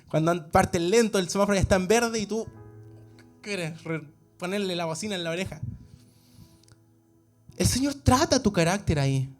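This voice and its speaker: With a Chilean accent, a man delivers an earnest, conversational sermon in a church, frequently acting out the voices of people he quotes and restarting words. His voice sits high and is expressive, at a moderate pace with frequent pauses, over soft background music.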